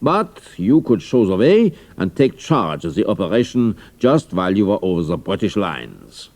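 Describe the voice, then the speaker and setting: An actor playing a pompous German count and military commander in an audio drama, with a gravelly voice and formal, deliberate delivery. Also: male voice, low voice, very animated, darkish tone. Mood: commanding, pompous.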